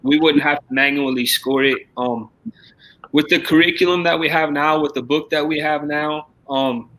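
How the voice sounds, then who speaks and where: Bright-voiced male teacher explaining. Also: a little high, fairly even intonation, moderate pace, rough recording. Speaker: teacher guest. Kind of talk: casual chat on a live stream.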